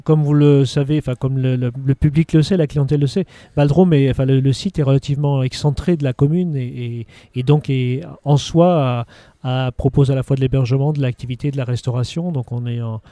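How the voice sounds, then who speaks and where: A man's voice: medium pitch, steady tone, a little fast, mellow, no echo. A middle-aged man from Haute-Savoie, a local official answering interview questions in a hesitant way with many restarts. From Haute-Savoie, France. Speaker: local government official managing outdoor sites.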